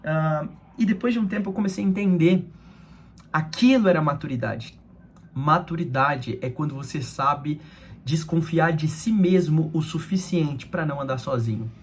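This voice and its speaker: A man's voice: on the high side, moderate pace, slight background noise. A young man giving a conversational devotional talk, addressing his listeners as friends.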